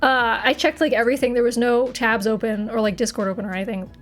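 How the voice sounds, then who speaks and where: Faint music plays as a young streamer from Massachusetts talks casually to her chat from home, giggling and leaving sentences unfinished. Her pitch is fairly high, her tone steady, and her pace quick.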